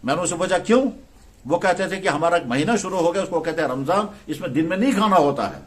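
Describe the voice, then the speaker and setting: A male Islamic scholar giving a religious talk in style storytelling, acting out quoted dialogue in a conversational way. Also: a little high.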